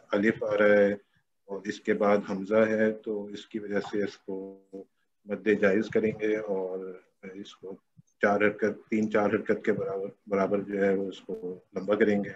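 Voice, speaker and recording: A man's voice: lowish voice, monotone. A man answering in an online recitation class, listing the rules methodically over a dull, lo-fi call. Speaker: student. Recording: dull lo-fi call with faint noise.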